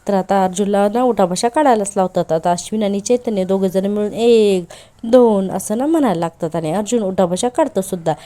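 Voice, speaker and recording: A woman retells a TV serial episode in a chatty, casual way, often cueing the listener. Her voice is mellow and warm, at an ordinary pitch for a woman. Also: quick pace, few pauses. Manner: chatty, repeats "look now" cues. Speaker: serial recap narrator.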